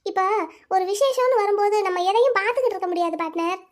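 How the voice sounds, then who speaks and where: Young wife in a cartoon story, gentle, coaxing, rapid delivery; a woman voices her. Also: very high-pitched. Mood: pleading. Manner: coaxing, questioning.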